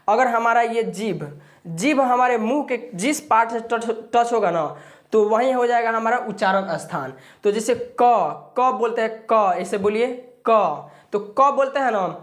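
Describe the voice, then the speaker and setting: A woman teaching a grammar lesson to viewers, patient, saying each sound aloud and asking the listener questions. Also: fairly high pitch.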